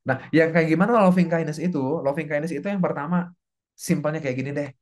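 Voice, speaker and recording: A man coaching a class in an earnest religious self-development talk, speaking straight to his listeners and dropping at times into hushed, slow prayer-like passages. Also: fairly high pitch. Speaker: motivational coach teaching a class.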